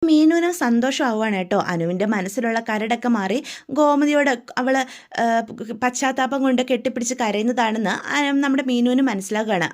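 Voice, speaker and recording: A woman narrating a story recap in a chatty, casual way, often turning to address the listener. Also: on the high side.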